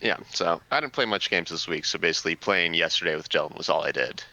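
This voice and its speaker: A man on a gaming podcast, giving measured, mild opinions. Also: deep voice, gravelly, bright, forceful tone, poor audio. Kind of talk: casual gaming chat.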